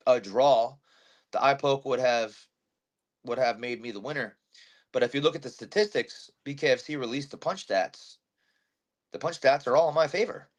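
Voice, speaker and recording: Brash, cussing fighter telling fight stories. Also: male voice, medium pitch. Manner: brash, swearing, animated storytelling. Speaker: bare-knuckle fighter. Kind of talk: post-fight interview.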